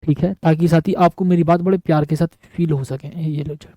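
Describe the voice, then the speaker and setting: A man's voice: fairly high pitch, steady tone, a little fast, warm tone, dry recording, low-quality recording. A man teaching physics at a board in an affectionate, repetitive way, often calling his students buddy. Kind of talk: board lecture.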